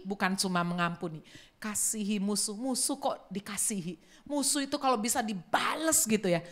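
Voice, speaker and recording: A woman's voice: mid-range voice, fairly bright tone. A woman pastor with an Indonesian accent, preaching a sermon and acting out the people in the story with dramatic swings in voice. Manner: dramatic, acts out biblical speakers in storytelling.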